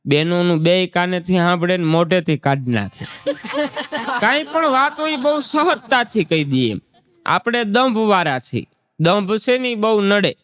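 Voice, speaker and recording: A man's voice: high-pitched, animated, a little slow, fairly bright tone. A man on stage mixing jokes with musings on everyday life. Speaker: stand-up comedian.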